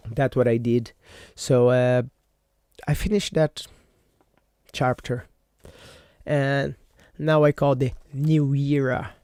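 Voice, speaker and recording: On a computer microphone, a man whose first language is Portuguese hosts a solo podcast, rambling casually with plenty of fillers and self-corrections. His mid-range voice is warm, slow and fairly even in intonation, captured as clean studio sound with no room sound.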